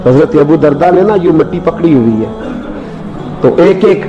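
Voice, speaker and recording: A man preaching an Islamic sermon, telling stories with passion and building to high emotional peaks. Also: expressive, normal speed. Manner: impassioned storytelling, rising to high emotional climaxes. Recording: dull lo-fi sound with background music. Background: background music.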